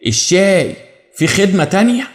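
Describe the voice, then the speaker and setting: A man's voice: fairly high pitch, animated, fast talker, lightly acted. A man voicing a scornful, flirtatious stepmother with an Egyptian Arabic accent, mocking and drawn out in an audio story.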